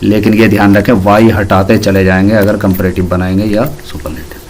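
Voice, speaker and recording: A man's voice: lowish voice, level tone, brisk, slight background noise. A man teaching an English grammar lesson, patiently explaining rules and spelling words out letter by letter.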